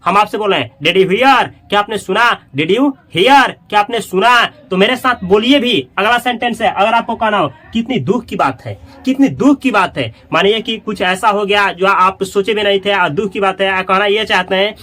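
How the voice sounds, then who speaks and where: A man teaches spoken English to his viewers. He repeats every phrase slowly several times and talks to them directly and casually. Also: high-pitched, sharp tone. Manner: chatty, addresses viewers directly. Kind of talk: Hindi-medium English lesson.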